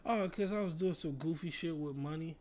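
A man with a slightly high voice, telling laid-back stories in a casual chat. He talks in heavy slang and swears freely. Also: brisk, darkish tone, slight background noise. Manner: laid-back storyteller, laughs through his punchlines. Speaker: podcast co-host.

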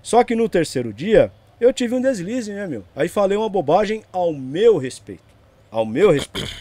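A man's voice: high-pitched, big pitch swings, normal speed, dark tone, no echo. A man, telling his side of a story as a guest in a casual interview, rambling along and checking in with the listener. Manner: rambling, tags lines with "entendeu?" and "meu".

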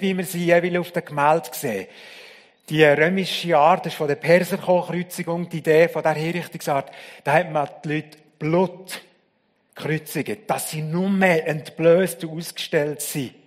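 A man preaching a sermon, telling the story dramatically and swinging from loud to hushed. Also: a little high, in a large hall.

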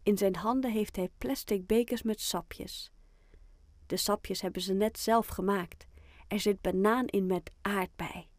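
A woman reads a children's storybook aloud in a gentle, clear storytelling voice. She takes her time, with an unhurried pace. The recording is close and dry, with no room sound. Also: mid-range voice, steady tone, dry recording. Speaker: narrator. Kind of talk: children's audiobook reading.

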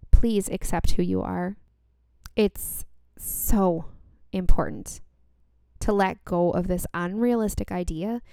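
A woman's voice: mid-range voice, clean tone, dry recording, studio quality. A woman hosting a self-help show, speaking earnestly and emphatically straight to the listener, repeating key phrases for weight. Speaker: podcast host. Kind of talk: motivational self-help talk, addressing the listener directly.

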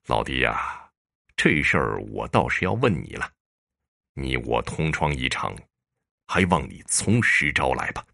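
A shrewd, unhurried prefect judge, as a male storyteller puts him on questions a colleague with dry, stern mockery. The voice sits very deep with a gravelly edge, yet it keeps a bright, forceful ring. It is a judge who lets his calm do the threatening. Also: full character voice. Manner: dry, measured, sternly mocking.

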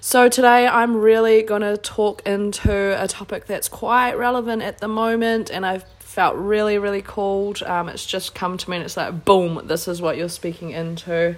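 A woman's voice: medium pitch, little pitch movement, moderate pace, hardly any pauses. A woman with a New Zealand accent hosting a casual solo self-help podcast, speaking earnestly, emphatically and informally. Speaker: podcast host.

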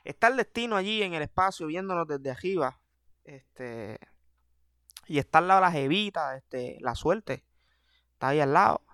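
A young man with a Puerto Rican accent doing an animated, self-mocking comedic monologue as a podcast host, heavy on slang. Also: fairly high pitch, normal speed, no room sound, studio quality.

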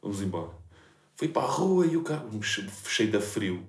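Man, European Portuguese accent, thirties, lively swinging pitch, echoey room, casual storyteller. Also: brisk. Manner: animated storyteller, swears freely, laughs often. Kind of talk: casual chat.

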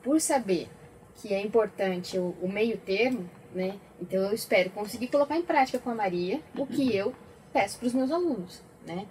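A woman who is a teacher and mother, speaking in a measured, thoughtful way as a guest on a talk show. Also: mid-range voice, animated, a little mellow, slight background noise, rough recording. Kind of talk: casual talk show chat.

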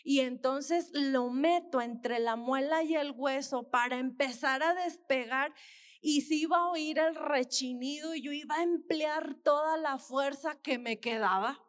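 A woman's voice: high voice, a little slow. A woman, a missionary dentist giving an earnest sermon testimony and often calling her listeners brothers. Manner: earnest storytelling, repeatedly addressing listeners as brothers.

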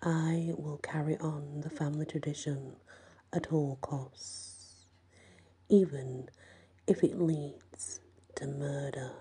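Brief: spellbound young man, read by a woman, slow whispered monotone, dark and husky. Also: fairly low pitch, exaggerated voice. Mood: entranced. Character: entranced young man, dazed and obedient.

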